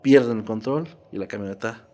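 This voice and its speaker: A man's voice: on the low side, brisk, warm tone. A man narrating a true horror story in a casual, conversational podcast style. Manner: conversational, checks in with "¿no?".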